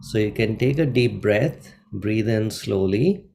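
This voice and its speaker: Middle-aged guy from india, lowish voice, easygoing meditation host, lots of ums. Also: vocal fry. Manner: gentle and unhurried, many ums and uhs. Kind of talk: guided meditation talk.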